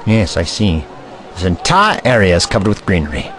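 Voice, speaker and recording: A man's voice: sits low, very animated, normal speed. A man playing an anxious, principled, eccentric time-travelling Doctor in an audio drama, with a fretful, dramatic manner. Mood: worried.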